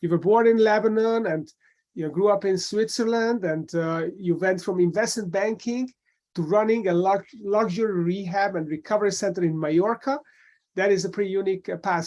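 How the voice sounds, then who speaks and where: Male interviewer with a high voice, conversational and halting as he asks. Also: darkish tone. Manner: halting, restarts phrases while asking. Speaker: podcast host.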